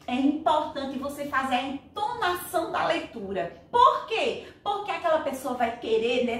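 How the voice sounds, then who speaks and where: A middle-aged woman, teaching a recorded class for children in an animated way and acting out story voices. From Brazil. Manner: animated, acts out story voices with sweeping pitch. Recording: very echoey room, voice from far off mic.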